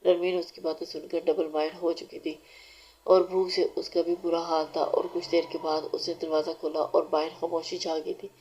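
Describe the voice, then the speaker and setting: Low, flat woman narrating a novel. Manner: steady, unhurried reading with small restarts. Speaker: audiobook narrator. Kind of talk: reading a romance novel aloud. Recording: dull lo-fi recording.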